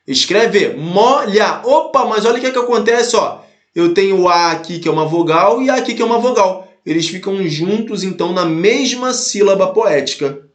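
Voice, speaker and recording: High-voiced man teaching in an echoey room. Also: expressive, fairly quick. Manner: explains step by step, repeats points, checks in with "tá?". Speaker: Portuguese teacher. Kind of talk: exam-prep lesson.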